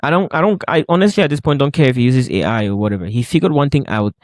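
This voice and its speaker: A man from Cameroon co-hosting a podcast, telling stories in a lively, emphatic way in casual chat. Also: medium pitch, racing, dry recording, studio quality. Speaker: podcast co-host.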